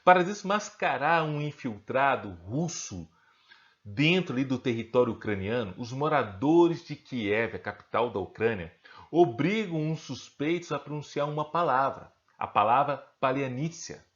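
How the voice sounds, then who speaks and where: A man's voice: mid-range voice, lively intonation, moderate pace, highs cut off. A man with a Brazilian accent teaching a recorded online lesson. He poses questions to himself, answers them, and keeps checking in with the viewer. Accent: Brazilian Portuguese.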